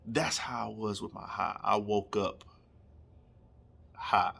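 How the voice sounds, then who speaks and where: A man's voice: fairly low pitch, steady tone, slow, vocal fry, bright, forceful tone, slightly rough. A young man, telling a comedic story casually and animatedly, laughing and acting out scenes. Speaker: storyteller vlogger.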